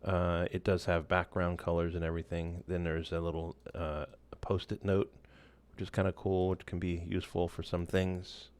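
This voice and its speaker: Deep-voiced man giving a relaxed screen tutorial. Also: moderate pace, hardly any pauses, clear, resonant tone, no echo. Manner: relaxed, loose, many fillers and restarts. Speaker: instructor. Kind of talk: casual screen-share tutorial.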